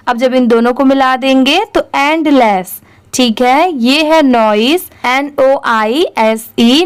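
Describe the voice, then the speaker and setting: A woman's voice: high voice, clean tone. A young woman teaching English reading in an online lesson, patiently spelling out each word letter by letter, then saying it whole, and asking the viewer questions she answers herself.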